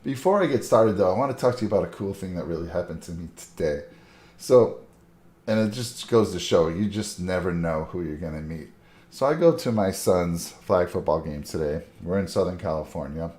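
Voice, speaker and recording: A middle-aged man from Buffalo, New York talks casually to his channel's viewers, rambling and filling pauses with "uh" and "um". His voice sits very low and sounds mellow. The room around him is echoey. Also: lively intonation. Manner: chatty, rambling storyteller with frequent fillers. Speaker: channel host. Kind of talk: casual chat to camera. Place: Southern California.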